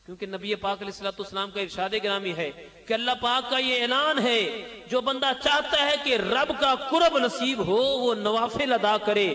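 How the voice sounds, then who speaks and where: A man's voice: extremely high pitch, fairly even intonation, normal speed, bright, forceful tone. A man preaching a sermon, exhorting listeners with chanting repetition. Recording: long hall reverb.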